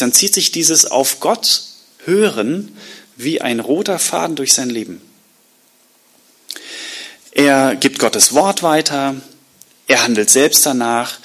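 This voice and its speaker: A man preaching a sermon, retelling a Bible story in a lively, colloquial way and acting out the quotes. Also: fairly high pitch, breathy edge. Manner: colloquial asides. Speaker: pastor.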